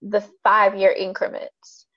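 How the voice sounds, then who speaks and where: A woman in her thirties talks through a casual podcast chat, frank and rambling and quick to swear. Her pitch sits in an ordinary middle range. The recording sounds somewhat dull and lo-fi. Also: completely flat delivery. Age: 30s. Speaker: podcast co-host.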